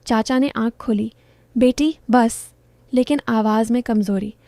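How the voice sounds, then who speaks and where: A woman narrating a first-person story in short, clipped phrases, soft and intimate. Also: a little high, fairly even intonation, moderate pace, gravelly, no room sound.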